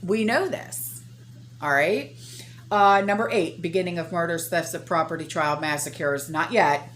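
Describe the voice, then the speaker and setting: Lady vlogger, blunt n folksy, slow pace, noisy background. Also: lowish voice, fairly bright tone. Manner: blunt, emphatic, sweary, folksy. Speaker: vlogger addressing channel viewers. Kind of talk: casual opinionated vlog talk.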